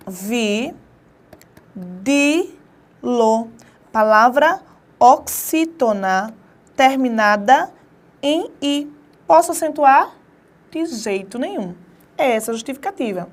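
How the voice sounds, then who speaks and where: A woman teaching a grammar lesson online, emphatic and repeating warnings to pay attention, slowing down to spell words out syllable by syllable. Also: high-pitched, a little mellow.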